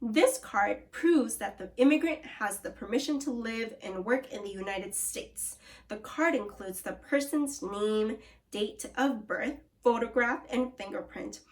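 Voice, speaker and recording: An elementary school teacher with a fairly high-pitched voice reads aloud to young children at a slightly slow pace. She encourages them and prompts them with questions and cues.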